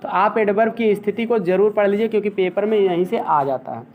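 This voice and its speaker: High-voiced man teaching grammar. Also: a little fast, phone-quality sound, a little hiss or hum. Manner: explains step by step, often checking with "ठीक है". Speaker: English teacher. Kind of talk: classroom grammar lesson.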